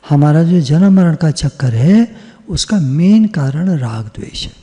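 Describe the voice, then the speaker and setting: A man speaking slowly in a dark, mellow, husky voice, delivering a devotional discourse on scripture. He teaches in a measured way, repeating phrases and posing questions that he answers himself. The video call audio carries a long, reverberant tail. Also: fairly high pitch, big pitch swings. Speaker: spiritual teacher.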